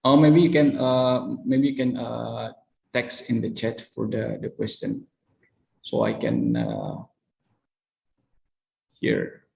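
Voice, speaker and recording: A man's voice: mid-range voice, expressive, gravelly, a little mellow, highs cut off. Man on a choppy, dropping video call. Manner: halting, searching for words, many restarts. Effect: choppy video call with the sound dropping out. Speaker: engineering presenter answering questions. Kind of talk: webinar Q&A over a video call. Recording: echoey room over a weak online link, faint noise.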